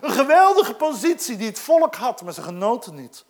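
Dramatic preacher with a lively, swooping voice. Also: medium pitch, normal speed. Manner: dramatic swings between loud emphatic passages and near-whispered asides; explains a scripture text to a congregation. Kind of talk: sermon.

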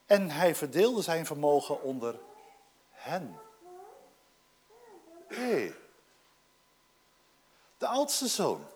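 A preacher in full sermon mode with a very animated voice that swoops up and down in pitch and sits at a middling height. The delivery swings between forceful emphasis and soft, drawn-out asides while walking listeners through a scripture text. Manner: dramatic swings between loud emphatic passages and near-whispered asides; explains a scripture text to a congregation.

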